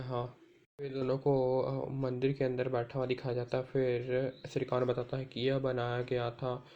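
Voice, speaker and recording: A man's voice: medium pitch, warm tone, lo-fi sound. A man narrating an episode recap, retelling each scene and reading all the characters' lines himself.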